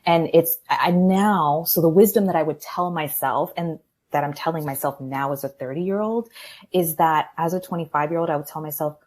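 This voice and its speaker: A woman's voice: deep voice, moderate pace, a little mellow. A woman in her thirties, a podcast guest speaking candidly and reflectively in a casual interview, laughing often. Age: 30s.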